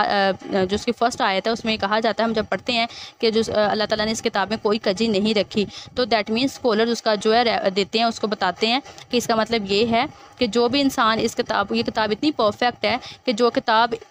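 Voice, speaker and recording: A woman teacher giving a grammar lesson. She reads English text slowly, then explains it in Hindustani, patiently repeating key words. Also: on the high side.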